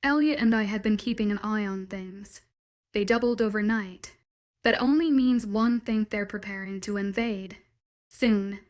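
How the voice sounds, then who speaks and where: Woman doing an angry bossy young guy in an audiobook, short clipped orders, mid pitch. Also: a little slow, darkish tone, natural voice. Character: angry, commanding young man, protective and forceful.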